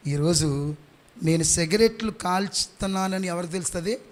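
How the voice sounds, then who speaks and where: A man's voice: high voice, moderate pace. A man with an Andhra Pradesh Telugu accent preaching a sermon in church, fervent and repetitive, urging the congregation on.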